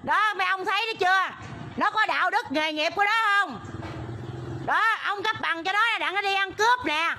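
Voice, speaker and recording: A middle-aged woman with a Mekong Delta Southern Vietnamese accent delivers an impassioned, agitated livestream appeal outdoors by a road. Her voice sits very high and sounds sharp and forceful. Faint noise sits behind her on the handheld phone. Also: normal speed. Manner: agitated, pleading, repeats "there" to point things out. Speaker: protester livestreaming a land dispute. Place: outdoors by a road near a school.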